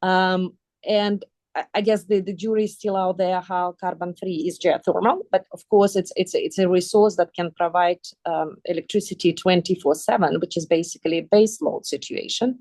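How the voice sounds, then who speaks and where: A woman's voice: lowish voice, fairly even intonation, normal speed, a little mellow, no echo. A woman from Kazakhstan moderating a webinar panel over a video call, thinking aloud with many ums and repeated words.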